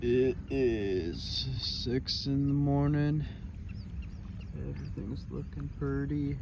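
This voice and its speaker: A tired young man vlogging from his small sailboat by an island at night, talking slowly and rambling, with fillers and the odd swear. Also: mid-range voice, fairly even intonation, gravelly. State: sleep-deprived. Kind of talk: casual vlog narration. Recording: noisy outdoor phone recording. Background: water, boat sounds and crickets.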